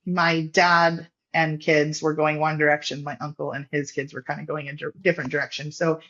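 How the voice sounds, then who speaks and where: A woman's voice: deep voice, little pitch movement, fairly quick, fairly bright tone, slight background noise. Casting: friendly farm owner, woman from California, easy laughs, slightly dull call audio. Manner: friendly, chatty, laughs easily. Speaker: farm founder and guest. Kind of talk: casual podcast interview.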